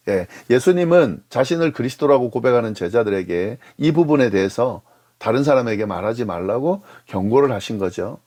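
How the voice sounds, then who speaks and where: A man's voice: mid-range voice, darkish tone. A pastor explaining scripture verse by verse at an early morning prayer service, raising his emphasis on key points.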